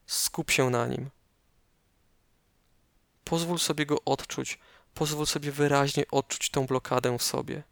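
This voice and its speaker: This guided meditation is led by a man with a creaky, mid-range voice who gives unhurried, measured directions broken by pauses. The dry recording places him very near, almost in the listener's ear.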